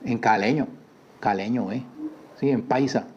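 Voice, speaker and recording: A man's voice: mid-range voice, measured pace, darkish tone, dull audio, a little hiss or hum. A man from Colombia who teaches a weekly Torah portion in a conversational way, often repeating words and asking listeners rhetorical questions. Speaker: Bible study teacher.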